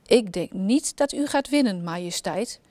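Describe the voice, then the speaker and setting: A woman voicing a calm, matter-of-fact footman in a children's story. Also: medium pitch, measured pace, dry recording, natural voice. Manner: dry, businesslike.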